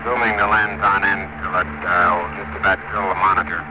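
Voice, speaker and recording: A low-voiced man talks over a muffled 1960s space radio link. His phrasing is procedural and clipped, in the manner of a spaceflight communicator. Clear static and noise sit around the voice. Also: level tone, brisk. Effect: two-way radio. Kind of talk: radio transmission exchange. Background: loud radio static and hiss.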